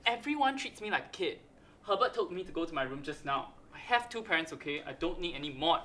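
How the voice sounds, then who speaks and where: An actor playing a sulky, defensive youngest brother in a stage play. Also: male voice, on the high side, lively intonation, fast talker, sharp tone, slight background noise. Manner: sulky, whiny. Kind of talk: stage acting.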